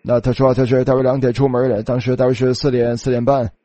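Mellow-voiced man preaching a sermon. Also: medium pitch, little pitch movement, fast talker, no echo. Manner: starts many phrases with a filler "那". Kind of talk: sermon storytelling in Chinese voice-over.

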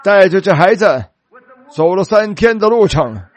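Guy preaching, high voice, tells the story big and slows way down on key bits. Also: lively intonation. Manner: dramatic storytelling, slows for emphasis. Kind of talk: sermon.

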